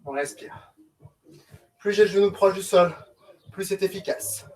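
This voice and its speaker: High-pitched male fitness coach giving commanding cues. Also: a little slow. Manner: short, commanding, encouraging cues. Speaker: fitness coach leading a group workout. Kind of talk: instructional workout cueing. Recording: distant mic, noisy background, clicks.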